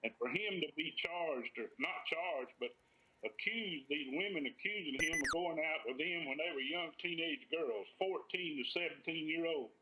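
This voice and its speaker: Older male interviewee, Alabama drawl, blunt and folksy, higher-set voice, muffled lo-fi video-call audio. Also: normal speed, heavy background noise. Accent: Alabama Southern American. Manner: plain-spoken, folksy, blunt. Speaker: interview guest, farmer. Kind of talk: earnest interview testimony.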